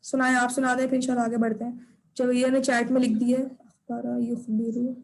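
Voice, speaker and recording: A woman's voice: a little high, level tone, brisk, low-quality recording. A woman teaching an online class, patiently drilling recitation and repeating her corrections over a video call.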